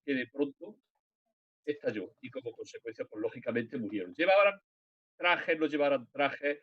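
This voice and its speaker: A man's voice: mid-range voice, lively intonation, normal speed, slightly rough, dry recording. A man on a live science panel, explaining technical details step by step. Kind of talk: live stream panel talk. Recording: dull, dry sound.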